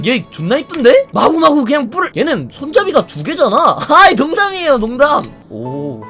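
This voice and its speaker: A man streaming a fighting game, bantering crudely with lots of swearing, teasing and mock outrage, and answering viewer comments out loud. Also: high voice. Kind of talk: casual gaming stream commentary.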